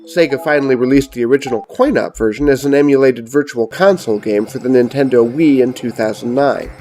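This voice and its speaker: A middle-aged man, giving scripted, measured and precise review narration as host of a retro gaming show. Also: mid-range voice, a little mellow, soft background music.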